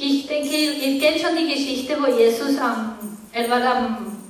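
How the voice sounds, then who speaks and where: Woman, sermon, high voice, halting and searching for words, gently encouraging, very echoey large room. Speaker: preacher. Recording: very echoey room, voice from far off, faint noise.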